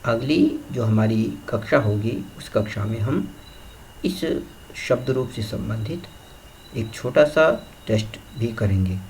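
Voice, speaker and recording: A man teaching a school class, slowly reciting Sanskrit word forms one by one and stressing each. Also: mid-range voice, darkish tone, slight background noise. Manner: slow deliberate recitation, stressing each form.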